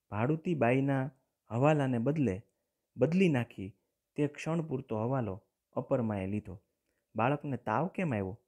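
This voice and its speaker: A man with a Gujarati accent is teaching a lesson, reading a story aloud and then explaining it in plain terms. He clears his throat often, and his mid-range voice is slightly mellow.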